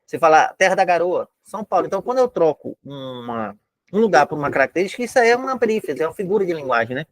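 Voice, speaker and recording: A Brazilian man with a Brazilian Portuguese accent teaches a casual online exam-prep lesson from a room at home, with no echo. His voice is on the high side with big pitch swings, he races along, and he's chatty, using many filler tags and explaining things step by step.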